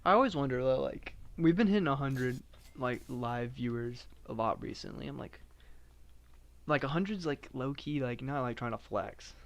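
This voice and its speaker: Smooth-voiced man rambling in a monotone. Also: mid-range voice, moderate pace. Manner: rambling, filler-heavy, self-described monotone. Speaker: live-streaming gamer. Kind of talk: casual live-stream chat while playing.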